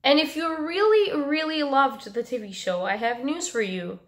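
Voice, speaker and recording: A young woman with a stuffed, nasal voice and little voice left, chatting casually in a book review vlog and pausing to breathe. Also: high-pitched, a bit bright. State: stuffed nose, losing her voice. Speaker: book vlogger.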